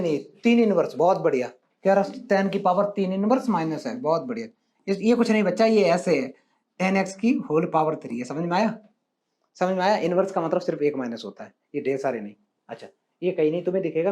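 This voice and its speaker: A man's voice: high voice, a little mellow. A male maths teacher giving a classroom lecture, coaxing his students with questions and affectionate calls of "beta" and "bachcha".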